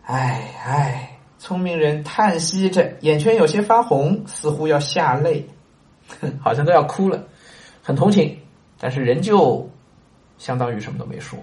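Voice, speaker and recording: A man's voice: fairly high pitch, lively intonation, measured pace, darkish tone, echoey room. A man reading a classic story aloud and explaining it, chatting with listeners and asking them rhetorical questions. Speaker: reader and commentator on a classic story. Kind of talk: storytelling lesson with commentary.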